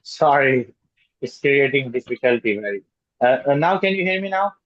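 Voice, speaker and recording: A man teaching an online class whose voice glitches and breaks up over a slow connection, halting and repeating himself as he checks whether students hear him. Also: medium pitch, animated, a bit bright, no room sound. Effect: glitching, breaking-up audio from a slow internet connection. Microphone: computer or phone on a video call. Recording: dull lo-fi video call audio.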